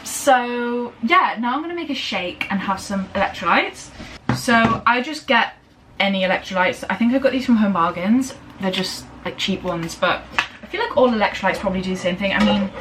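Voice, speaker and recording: A woman's voice: mid-range voice, lively intonation. Young woman, chatty vlog, rambling, bubbly, slightly distant from the mic, faint background hum. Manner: rambling, bubbly, fast and breathless after exercise. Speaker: lifestyle vlogger. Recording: slightly distant camera audio with faint room noise.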